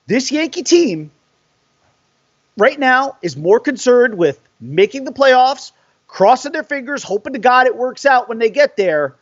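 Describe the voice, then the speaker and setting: A man ranting on a sports show, exasperated and cursing as he builds his case. His voice sits high and swings widely up and down. The sound is dry and a little dull, like a lo-fi home recording. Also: lively intonation, unhurried, no echo. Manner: fired-up, exasperated, profane rant. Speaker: sports podcast host.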